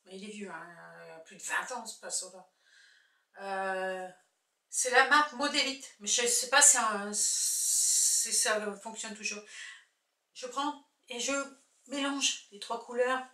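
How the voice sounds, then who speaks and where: A woman's voice: mid-range voice, takes it slowly, sharp tone. A woman chatting casually through a makeup tutorial, thinking aloud as she shows each product. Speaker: makeup vlogger. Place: indoors at home, husband filming. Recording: echoey room from far off.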